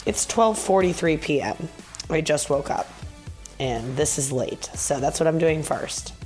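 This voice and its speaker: A tired woman with vocal fry, hosting a podcast in a casual, candid, self-deprecating and rambling solo monologue. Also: sits low, expressive, measured pace, a little mellow, soft background music. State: tired from travel and talking. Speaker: podcast host. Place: bedroom in a condo, sitting in bed.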